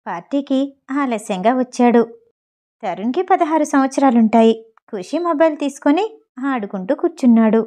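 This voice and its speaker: High, mellow-voiced woman narrating a story. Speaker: audio novel narrator. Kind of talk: scripted narration.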